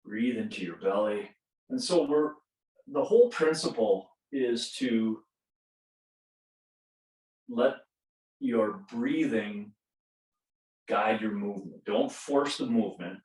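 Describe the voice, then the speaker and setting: Fifties male yoga coach, lowish voice, joking at himself, echoey room, a bit off-mic. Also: slow, pauses often, a little mellow, recorded from a distance. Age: 50s. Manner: self-deprecating, chuckles at own jokes. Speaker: yoga instructor. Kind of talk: guided yoga class instruction. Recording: roomy echo, voice from off-mic.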